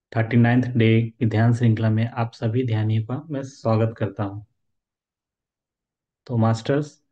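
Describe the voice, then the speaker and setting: A man's voice: mid-range voice, warm tone, lo-fi sound. A man hosting a live meditation session, earnestly and respectfully introducing his guest. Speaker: host. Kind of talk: formal live-stream introduction.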